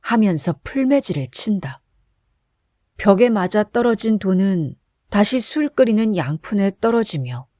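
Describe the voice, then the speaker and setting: A woman narrating a classic short story in a measured, steady reading voice, close to the mic. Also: medium pitch, no room sound. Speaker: audiobook narrator. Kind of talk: literary narration.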